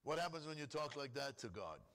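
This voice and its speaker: A man's voice: medium pitch, very animated, brisk, a bit bright. A man, a rabbi, preaching a sermon to a congregation, asking rhetorical questions, calling for responses and acting out pleading complaints. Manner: acts out complaining prayers in a pleading voice. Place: congregation hall.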